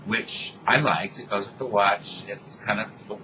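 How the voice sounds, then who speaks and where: An older man with a low voice rambles through a story in casual chat. He gets animated when he acts out what people said. The recording carries steady background noise. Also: unhurried. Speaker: co-host telling a story.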